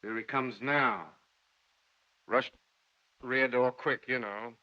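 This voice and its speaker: An actor playing a gruff, cynical gangster who talks in clipped, tough slang, on a dull 1930s film soundtrack. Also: male voice, mid-range voice, animated, takes it slowly, bright, forceful tone.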